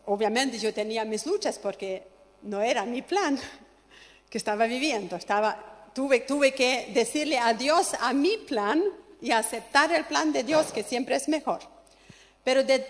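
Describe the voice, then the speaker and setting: A middle-aged woman preaching a sermon, impassioned, swinging between loud, urgent appeals and quiet, hushed asides. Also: high voice. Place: church sanctuary. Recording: reverberant hall with faint music.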